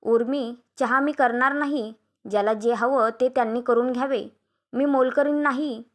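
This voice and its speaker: A woman voicing a fed-up young daughter-in-law, speaking in sharp, indignant outbursts. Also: on the high side, fairly even intonation, moderate pace, lightly acted. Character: fed-up young daughter-in-law demanding her own space.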